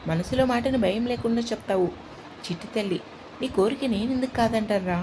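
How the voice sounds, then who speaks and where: A woman voicing a gentle, protective middle-aged uncle who reassures and teases his niece. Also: on the high side, a little fast, background noise, lightly acted. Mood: gentle reassuring.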